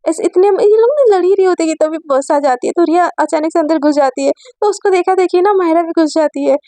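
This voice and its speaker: A woman narrates a romance story in a relaxed, chatty way, with plenty of fillers and asides. Her voice is high and mellow, and the recording sounds dry and close. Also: a little fast, dry recording. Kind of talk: casual spoken storytelling.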